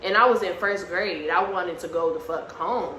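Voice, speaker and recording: Young woman vlog co-host with a sharp, bright voice, blunt comebacks, faint room hiss. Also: lowish voice, roomy sound. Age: early 20s. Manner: blunt, teasing, quick comebacks. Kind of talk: casual argument on camera.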